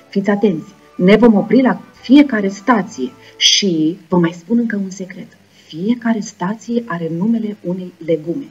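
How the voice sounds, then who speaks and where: A young woman with a Moldovan Romanian accent teaches first graders in a video lesson. She speaks slowly and encouragingly, and she breaks words into syllables with a somewhat husky voice. The recording is dull and lo-fi, with faint music underneath. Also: mid-range voice, a little mellow. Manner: slow, clear, encouraging, spelling words out syllable by syllable. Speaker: primary school teacher.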